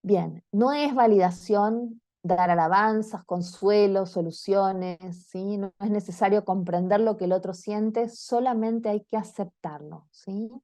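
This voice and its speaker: A woman's voice: mid-range voice, measured pace, hardly any pauses, mellow, dry recording. A woman with an Argentine accent gives a talk to parents and teenagers on a video call, checking in with her listeners again and again. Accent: Argentine Spanish. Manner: engaging, often checks in with the audience. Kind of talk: online talk to parents and teens.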